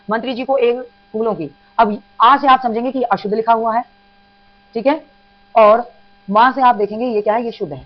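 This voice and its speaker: A woman teaching an exam-prep Hindi grammar lesson, patiently repeating examples and addressing students as children. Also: fairly high pitch. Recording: dull lo-fi sound with mains hum.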